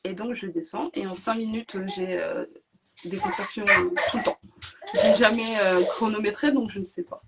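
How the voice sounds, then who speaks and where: A woman guest on a podcast, telling her own story in a lively, emotional way and often laughing between phrases. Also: mid-range voice, moderate pace, vocal fry, very noisy. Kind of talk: personal storytelling.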